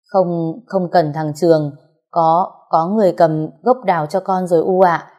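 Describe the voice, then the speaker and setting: A woman voicing a nervous middle-aged son, speaking slowly and stammering as he pleads and apologizes. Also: lowish voice, warm tone, natural voice.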